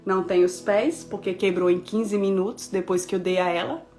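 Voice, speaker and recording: A woman pastor in her thirties preaching a devotional message, telling a personal story with lively, expressive delivery and speaking straight to her listeners. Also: mid-range voice, normal speed, soft background music. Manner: expressive storytelling, acting out dialogue, addressing listeners directly.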